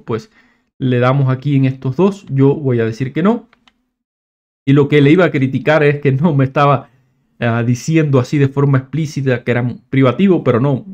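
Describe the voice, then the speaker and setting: A man giving a casual, screen-recorded software tutorial, thinking aloud and often restarting his words. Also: medium pitch, muffled recording. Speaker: tech tutorial presenter.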